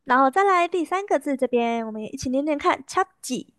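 A woman teaching a language lesson, patiently repeating words slowly and clearly for her students. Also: high voice, animated, a bit bright, dry recording, studio quality.

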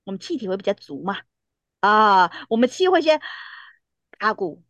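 A woman's voice: mid-range voice, fairly quick, dry recording, highs cut off. A woman teaching a Korean pronunciation class, checking in with her students again and again. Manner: lively, with many checking tags like "哈" and "对不对". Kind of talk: classroom lesson.

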